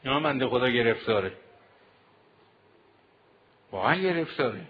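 A man with an expressive, mid-range voice preaches a sermon as a cleric teaching seminary students. He rouses them with rhetorical questions, heard on a dull lo-fi recording.

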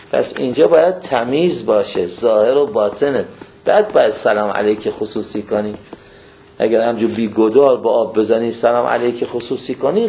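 With a lowish, gravelly voice and warm tone, a man gives a religious lecture in plain, folksy language. He asks his listeners questions head-on and recites scripture slowly and evenly. There's a bit of hiss or hum in the audio.

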